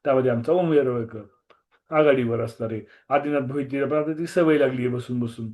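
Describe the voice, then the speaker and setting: A slightly hoarse man with a Marathi accent, teaching a strict online maths class over a video call and repeating key words, with some English mixed in. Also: mid-range voice, a little mellow. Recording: muffled video-call audio.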